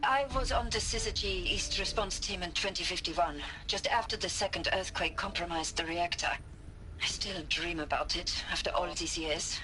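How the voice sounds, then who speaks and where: An actress playing a haunted scientist and war veteran who speaks in a reflective, quietly intense way in a game. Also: female voice, lowish voice, moderate pace, rough recording. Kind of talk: game voice acting. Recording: game audio with music behind.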